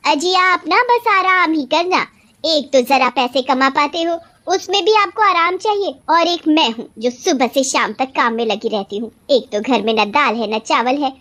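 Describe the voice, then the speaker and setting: A woman's voice: high voice, a little slow. A woman voicing a hardworking young village wife in a cartoon story, nagging and dramatic, with sobbing complaints. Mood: scolding.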